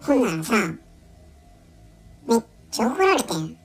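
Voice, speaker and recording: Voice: medium pitch, sing-song, a little slow, faint music behind. An owner voicing a dim but sweet female chihuahua who talks in a Kansai accent and gripes naively, in a comic pet voice-over through a talking-pet voice-changer app. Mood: grumbling. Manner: chatty, complaining, naive.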